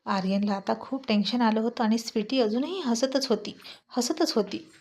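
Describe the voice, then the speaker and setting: A woman narrating a serialized family story in a steady reading voice. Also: a little high, moderate pace.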